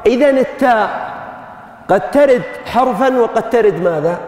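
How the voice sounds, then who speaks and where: High-voiced man lecturing in an echoey hall. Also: lively intonation, moderate pace, a little mellow. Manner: questions the class as he explains. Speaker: grammar lecturer. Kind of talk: classroom lecture.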